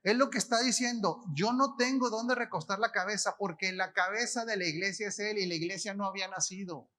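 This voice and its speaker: This conference sermon comes from an apostle whose Mexican Spanish accent colors a high, bright voice moving at a brisk pace. Sharp and lively, he talks in everyday language, repeatedly questioning the crowd and answering for them.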